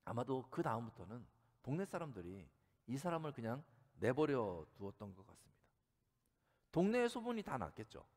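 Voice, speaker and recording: A man's voice: mid-range voice, big pitch swings, moderate pace, a little mellow. A man preaching a sermon as a church pastor, telling a story in a conversational way and asking the congregation questions. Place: church sanctuary. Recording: long hall reverb.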